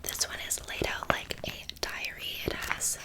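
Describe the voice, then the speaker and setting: A woman speaks entirely in a hushed library whisper. It is a whispered role-play of a helpful librarian, gently explaining books and reading aloud without hurry. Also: moderate pace. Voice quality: soft unvoiced library whisper. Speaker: ASMR host playing a librarian presenting books.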